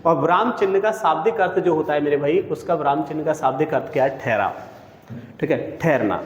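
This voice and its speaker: A man with a slightly high voice teaches an exam coaching lesson. He poses each question and answers it himself, calling his listeners friends and brother. The recording sits in a room with a long reverb. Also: fairly quick.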